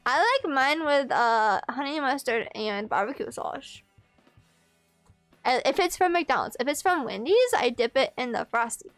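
Young woman streaming, really high voice, chatty and giggly, dry room sound, music behind. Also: animated, a little slow, dry recording. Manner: playful, giggly, exclamatory. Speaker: live streamer. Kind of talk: casual livestream chat with viewers. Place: small room at home, indoors.

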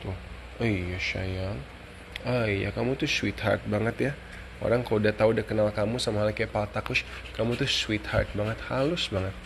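A man's voice: lowish voice, normal speed, creaky. A man hosting a casual live stream at home with his dogs, cooing baby talk at them and chatting to his viewers. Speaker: dog owner and live stream host. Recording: live stream with steady background noise.

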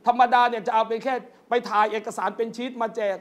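A man's voice: very high-pitched, little pitch movement, fast. A man giving an Islamic lecture in a mosque, telling stories earnestly and often calling his listeners brothers and sisters, with light joking asides. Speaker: Islamic preacher. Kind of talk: lecture to a congregation.

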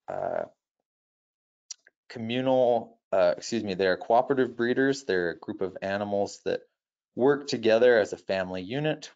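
A man presenting wildlife in an unscripted nature documentary style, measured and informative, with halting self-corrections. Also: low-pitched, a little mellow, highs cut off.

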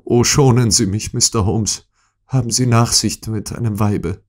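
A man's voice: low-pitched, lively intonation, unhurried, pitched above the performer's own voice, heavily acted. Man voicing a pleading distraught noblewoman. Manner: pleading, breathless, emotional. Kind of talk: audiobook character reading.

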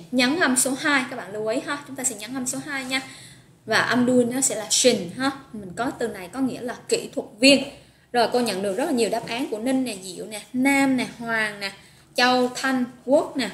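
A woman teaching an English vocabulary lesson live online, upbeat, praising students by name and drilling pronunciation. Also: a little high. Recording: echoey room with faint noise.

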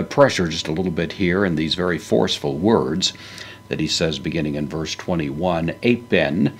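A man's voice: rumbling low, fairly bright tone. A man teaching a Bible lesson, working through a Greek verse word by word in a methodical way with frequent fillers.

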